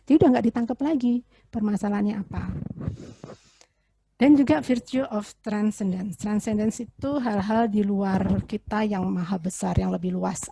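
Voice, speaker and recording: A woman's voice: medium pitch, vocal fry, dark tone, slightly rough, no room sound. A woman, a psychologist giving a casual webinar talk to parents, explaining with everyday examples and rhetorical questions over a video call. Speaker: child psychologist presenter.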